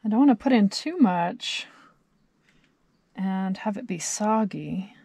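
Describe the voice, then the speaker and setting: Medium-pitched and mellow with a breathy edge, this woman's voice has lively intonation and an unhurried pace, with no room sound. She's in her thirties, vlogging from a parked minivan camper while she cooks, cheerfully chatting and thinking aloud. The casual cooking vlog is filmed on a camera mounted in the van.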